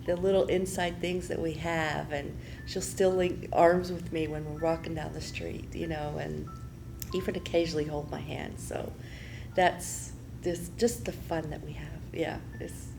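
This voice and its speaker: A woman's voice: sits low, little pitch movement, measured pace, gravelly, noisy background. A woman in an interview speaking cheerfully about the fun she shares with her daughter. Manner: cheerful, laughing.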